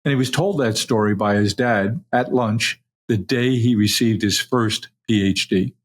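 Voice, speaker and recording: Guy doing a long interview, kinda husky rough voice, measured storyteller way of explaining stuff. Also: lowish voice. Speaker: podcast interviewer. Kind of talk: conversational long-form interview.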